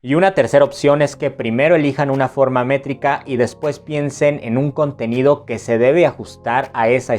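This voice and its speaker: A Mexican man with a Mexican Spanish accent and a medium-pitched, slightly mellow voice teaches poetry in a casual explanatory lesson. Playful throughout, he answers viewers' questions, recites verse slowly and taps out rhythms.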